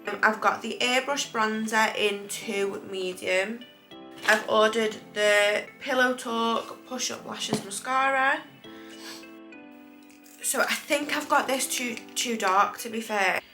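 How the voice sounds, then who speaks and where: A British beauty vlogger talks casually to the camera in a makeup review, rambling and correcting herself, her speech a bit impeded after dental work. Her voice is slightly high and slow, with music underneath and poor audio quality.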